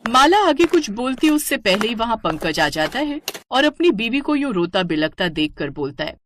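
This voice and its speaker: A woman's voice: fairly high pitch, moderate pace, a little hiss or hum. A woman narrating a cartoon moral story. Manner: steady storytelling.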